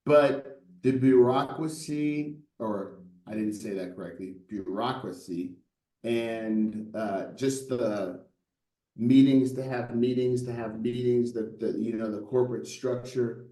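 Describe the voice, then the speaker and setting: A middle-aged brand designer, appearing as a guest, chats casually in an interview with a soft, mellow, mid-range voice and a slow pace. He often tosses in rhetorical "right?" asides, and his voice rings a little in an echoey room.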